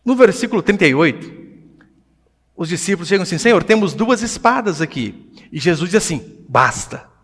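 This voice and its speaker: A man with a Brazilian Portuguese accent, a pastor preaching a sermon with animated swings between hushed and loud delivery. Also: sits high, brisk, long reverb tail. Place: church hall.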